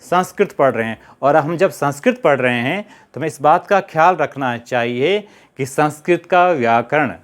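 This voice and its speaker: A middle-aged man with a Hindi accent teaching a Sanskrit grammar lesson, reciting letters slowly and asking and answering his own questions. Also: a little high, expressive. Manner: slow, deliberate recitation of letters.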